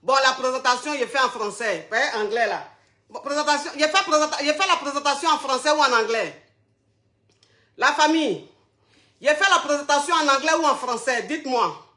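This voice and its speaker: Lady on a live stream, high bright voice, chatty, asks the same thing over and over. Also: lively intonation, fairly quick, roomy sound. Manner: chatty, keeps asking viewers the same question. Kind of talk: casual live-stream chat.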